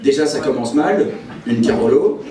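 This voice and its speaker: A man with a Belgian French accent doing stand-up, brash and provocative, with deadpan punchlines. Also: medium pitch, moderate pace, echoey room, recorded from a distance. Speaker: stand-up comedian. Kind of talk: stand-up comedy set. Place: stage before a live audience.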